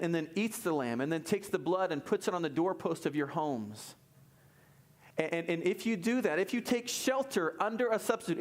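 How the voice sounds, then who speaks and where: Male pastor, slightly higher voice, animated sermon delivery, repeats phrases for emphasis. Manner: animated, swings between soft and emphatic, repeats key phrases. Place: church service.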